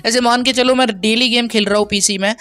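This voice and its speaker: Bright-voiced young man ranting about gaming. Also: extremely high pitch, steady tone, brisk. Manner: sarcastic, lecturing, addresses viewers as brother. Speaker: gaming channel host. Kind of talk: heated commentary rant.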